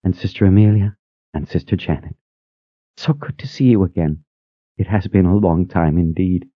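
A composed, stern senior sister who speaks calmly and firmly, voiced by a man. Her voice stays low, close to the narrator's own. The recording is dry and a little dull. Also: moderate pace, dry recording. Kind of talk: audiobook character voice.

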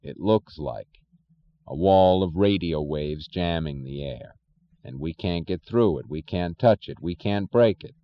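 A resigned chief engineer talks slowly and softly in a low voice, as a male reader voices him. The recording is dull and lo-fi. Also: lively intonation. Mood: weary calm. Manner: quiet, slow, resigned. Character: weary, soft-spoken male chief engineer.

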